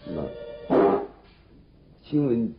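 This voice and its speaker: Sichuan-dialect bluffing middle-aged job seeker, muffled. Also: male voice, medium pitch, very animated, extremely slow, gravelly, faint music behind, heavily acted. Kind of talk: comedy TV drama dialogue. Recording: dull lo-fi old TV sound, noisy.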